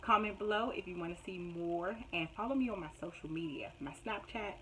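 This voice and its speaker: A young woman vlogging about her own experience, her voice bright and clear. She retells events dramatically, with lively swings of feeling and quick laughs, speaking straight to her viewers. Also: fairly low pitch, a little hiss or hum, low-quality recording. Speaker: nurse vlogger. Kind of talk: casual storytelling vlog.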